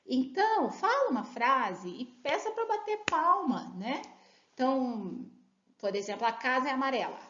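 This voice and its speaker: A woman with a fairly high, very animated voice, teaching a lesson on reading. She quizzes her listeners and drags words out syllable by syllable to show the sounds. The recording is roomy and a bit muffled. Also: normal speed. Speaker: literacy educator. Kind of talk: instructional talk to teachers and parents.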